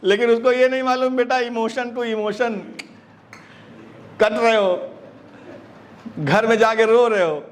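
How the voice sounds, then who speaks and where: A man teaching an acting class in a lively lecture style, acting out bits of dialogue with laughs along the way. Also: extremely high pitch, takes it slowly, pauses often. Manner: animated, acts out quoted dialogue with laughs. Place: classroom with students.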